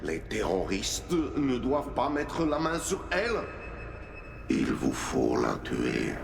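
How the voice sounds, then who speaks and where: A gloating cartoon villain. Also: male voice, mid-range voice, huge pitch swings, creaky, exaggerated voice. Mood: commanding. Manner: slow, drawn-out menace with sudden shouts. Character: scheming male mind-controlling villain, cold and gloating. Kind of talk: cartoon dub acting. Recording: roomy echo with music underneath.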